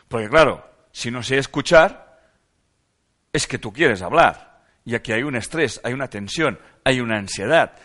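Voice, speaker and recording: A man's voice: medium pitch, sharp tone. A man giving a reflective self-help talk, reading passages aloud and asking rhetorical questions with repeated phrases for emphasis.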